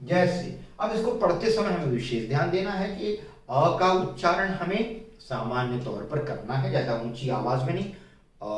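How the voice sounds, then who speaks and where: Male Hindi teacher, fairly high voice, slow, patient board explanations, recorded far from the mic in a very echoey room. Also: darkish tone. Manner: slow, explanatory, repeats key points. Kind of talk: whiteboard grammar lesson.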